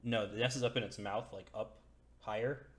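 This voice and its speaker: A man narrating as dungeon master in a home tabletop session, relaxed and chatty, often restarting his sentences. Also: fairly low pitch, normal speed, a crowd in the background. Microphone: home computer mic, voice chat.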